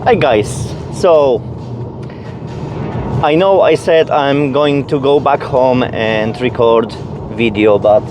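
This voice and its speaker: This vlogger from Poland presents his own channel in a relaxed personal chat, music playing behind him. He speaks slowly in a mid-range voice with a Polish accent, gushing and repeating words to stress his points.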